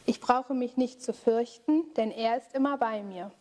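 Woman reading a story to children. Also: on the high side. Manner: slow, clear, expressive reading. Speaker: children's service leader.

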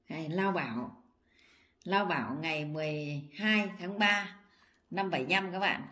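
Slow-reading older woman vlogger. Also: fairly low pitch, a bit bright. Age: 60s. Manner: slow reading, often breaking into laughter. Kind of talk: casual vlog, reading her old poems aloud.

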